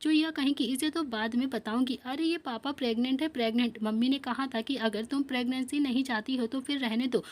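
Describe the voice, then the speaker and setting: A woman's voice: high-pitched, fairly even intonation, brisk, hardly any pauses, darkish tone, lightly acted. A woman voicing a flustered young husband in a spoken family story, pleading and then indignant.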